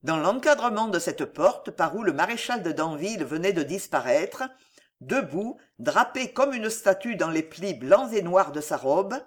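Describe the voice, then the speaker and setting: A man with a French accent narrating a historical novel in an expressive, theatrical reading. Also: sits high, unhurried. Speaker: audiobook narrator. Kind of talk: dramatic literary narration.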